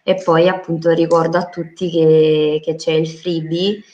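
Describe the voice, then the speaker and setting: A woman's voice: low-pitched, level tone, measured pace, a little mellow, muffled recording. A woman chatting casually as a guest on a live stream about interior design, hesitant with many fillers and restarts.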